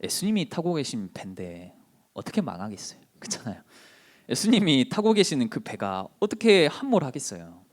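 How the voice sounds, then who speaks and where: A man preaching a sermon to a college group, animated and full of rhetorical questions, acting out the people in his stories. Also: mid-range voice, a little fast.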